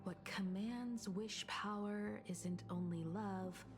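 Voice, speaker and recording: An actress playing a thoughtful, resolute young woman in a video game, speaking in a measured, earnest way. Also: medium pitch, steady tone, over music. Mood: contemplative. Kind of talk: dramatic video game voice acting.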